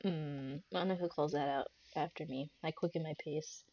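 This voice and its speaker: A young woman streaming a visual novel, reading its text aloud in a measured voice and breaking into loud reactions. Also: low-pitched, fairly even intonation, no echo. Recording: dull lo-fi stream audio with faint game music.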